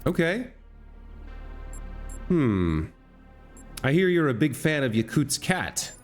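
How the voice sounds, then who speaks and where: A man's voice: on the high side, sing-song, slow, soft background music. A man giving casual let's play commentary, musing and thinking aloud as he goes. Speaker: gamer commentator.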